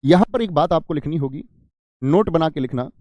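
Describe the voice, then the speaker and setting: A man's voice: fairly high pitch, animated, a little fast, dark tone, dry recording, studio quality. A man teaching an exam-prep grammar lesson, who asks his students questions, answers them himself and repeats key phrases.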